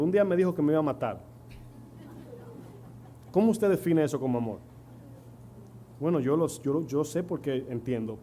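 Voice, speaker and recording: A man's voice: medium pitch, mellow. A middle-aged man with a Dominican accent preaching a sermon, telling stories and asking the congregation rhetorical questions. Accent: Dominican Spanish. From Dominican Republic. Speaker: pastor. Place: church. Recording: faint hum and noise.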